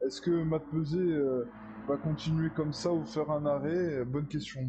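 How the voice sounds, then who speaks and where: A man's voice: on the high side, steady tone, unhurried. A man giving live analysis as a motorsport commentator on a sim race, on a lo-fi, noisy recording. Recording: dull lo-fi sound, clear noise.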